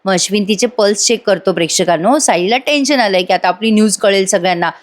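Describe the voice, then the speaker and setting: Woman reviewer, chatty voice-over, talks to viewers directly, mid-pitched. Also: fast. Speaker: TV serial reviewer.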